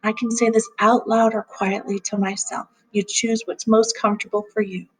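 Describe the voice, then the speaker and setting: A woman guiding a calm grounding exercise as an instructor, speaking gently and soothingly in a soft, slightly breathy voice without hurry. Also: medium pitch, normal speed, rough recording.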